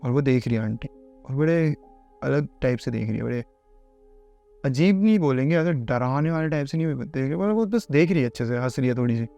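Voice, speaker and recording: A man's voice: mid-range voice, animated, a little fast, creaky, warm tone, lo-fi sound, faint music behind. A man casually narrating a horror storytime, chatty and conversational, calling the listener bhai.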